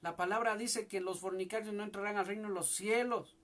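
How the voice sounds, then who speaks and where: A man's voice: high voice, steady tone, brisk, fairly bright tone. A young male pastor preaching a fervent sermon from a home church service, often calling out to his listeners as brother. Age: young adult.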